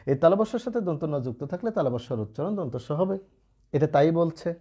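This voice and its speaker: A man leads an online pronunciation lesson and keeps pausing to ask whether his students follow. His voice is mellow and warm and sits a little high. He speaks with lively, rising and falling intonation. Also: slightly rough. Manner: patient, asks students rhetorical checks often. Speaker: Bengali pronunciation teacher.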